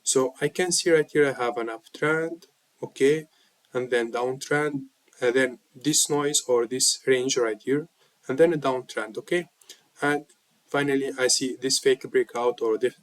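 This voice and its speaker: A man teaching a trading lesson over a chart, his voice a little sick. He speaks at a middle pitch and keeps checking in with listeners. His delivery is steady and repetitive. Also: measured pace, no room sound, low-quality recording. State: slightly sick voice. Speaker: trading mentor.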